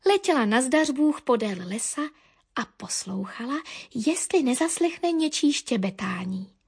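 A woman narrating a children's animal story with a lively, expressive reading. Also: vocal fry, breathy edge. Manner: lively expressive reading, dropping low for asides.

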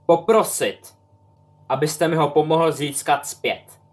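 A man's voice: on the high side, steady tone, natural voice. A man voicing an old wizard, a bitter grieving father pleading insistently.

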